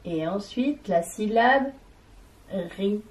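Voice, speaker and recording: A woman teaching a children's lesson, speaking deliberately and spelling out syllables and sounds one by one. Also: medium pitch, lively intonation, rough recording. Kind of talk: slow, clearly articulated classroom lesson.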